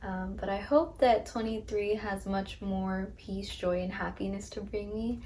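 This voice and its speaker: A woman's voice: mid-range voice, steady tone, measured pace, mellow. Young woman in her twenties, casual Q&A host, bubbly, phone-recorded, faint noise behind. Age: 20s. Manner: upbeat, chatty, frequent ums. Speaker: podcast host. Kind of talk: casual get-to-know-me chat. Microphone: phone camera.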